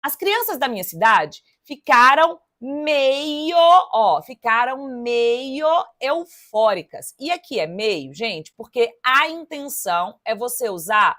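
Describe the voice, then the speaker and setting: A woman teaches grammar for a public exam. Her voice sits fairly high, and she talks in a lively, chatty way, counting syllables aloud and speaking straight to her students. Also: slow. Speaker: Portuguese teacher. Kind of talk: exam-prep lesson, solving test questions aloud.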